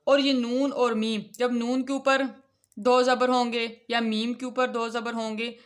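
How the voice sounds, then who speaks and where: A woman gives a Quran reading lesson for children, explaining with patience and reciting letter names slowly and clearly. Her voice is on the high side with a level tone.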